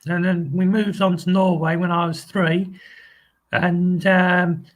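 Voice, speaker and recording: An English man hosts his own channel in a casual live video chat, his voice high, level and slow. He rambles hesitantly, full of ums and restarts, repeating friendly phrases.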